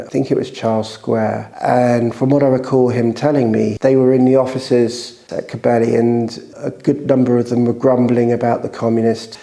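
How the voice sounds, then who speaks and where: A man as an interview guest, earnestly recounting his grandfather's story in a measured storytelling manner. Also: mid-range voice, creaky, dark tone. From United Kingdom.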